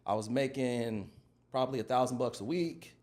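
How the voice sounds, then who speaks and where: An American digital marketing consultant in his early forties shares stories casually and conversationally as a podcast guest. He speaks at normal speed in a mid-range voice with a darkish tone.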